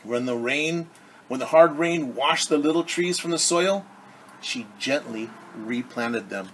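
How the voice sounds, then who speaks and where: A middle-aged man reads a children's story aloud as a teacher, expressive and explaining words in simple terms. He has a medium pitch, a fairly bright tone, and a measured pace. The rough recording was made in a home living room at arm's length from the camera, with clear room noise.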